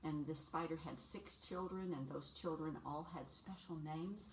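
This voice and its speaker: Reading a picture book aloud to young children, a woman in her sixties phrases things simply and deliberately and asks her listeners questions. Her voice sits low. The mic is distant, with faint background noise.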